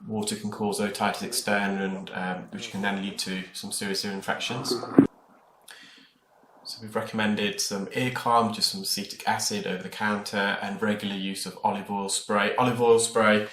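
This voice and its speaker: A man's voice: on the low side, little pitch movement, moderate pace. A man giving informal explanatory voice-over in a hesitant, rambling way, talking to viewers as a clinician. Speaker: ear care clinician narrating own procedure videos. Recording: echoey room, clear background noise. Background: background noise of the procedure.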